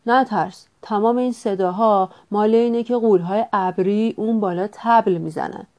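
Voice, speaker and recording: A woman's voice: mid-range voice, darkish tone, muffled recording, lightly acted. A woman doing a confident, reassuring hawk.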